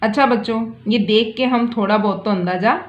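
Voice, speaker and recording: A woman teacher giving a grammar lesson to children, reading words aloud slowly and repeating each one for her pupils. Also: a little high, echoey room, dull audio. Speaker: school teacher.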